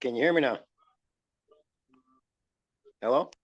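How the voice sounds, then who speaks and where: Man on a dropping call line, furious public commenter, dull lo-fi sound, rapid-fire accusations. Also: mid-range voice, slightly rough. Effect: muffled remote call line that cuts in and out. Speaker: public commenter calling in remotely. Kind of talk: public comment at a board meeting.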